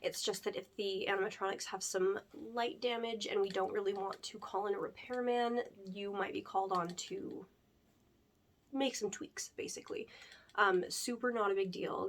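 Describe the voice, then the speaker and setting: A woman's voice: medium pitch, slight background noise, close to an everyday voice. A young woman playing a chatty pizzeria staffer who interviews a new hire in an ASMR role-play. She rambles in an upbeat way, with lots of fillers and nervous jokes. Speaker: ASMR creator.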